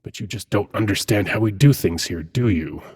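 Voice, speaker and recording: A man plays a suave demon prince in a dramatic ASMR roleplay monologue, with the seductive delivery of fantasy audio. His very low voice is heavily husky, breathy, and a little mellow. Haughty and courtly, he picks his words with measured condescension, sounding offended.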